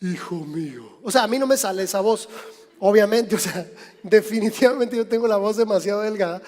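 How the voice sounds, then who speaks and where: A man's voice: high voice, a little fast, a little mellow. A man with a Mexican accent preaching a sermon as pastor, in a conversational way that speaks straight to the listeners. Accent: Mexican Spanish. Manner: conversational, addresses listeners directly. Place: church sanctuary. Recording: long church reverb.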